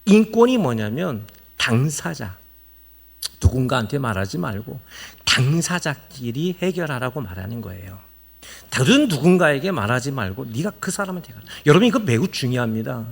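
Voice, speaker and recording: Animated male pastor preaching a sermon. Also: medium pitch, moderate pace, vocal fry, breathy edge. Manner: animated, acts out quoted voices of church members; earnest, explaining and urging the congregation.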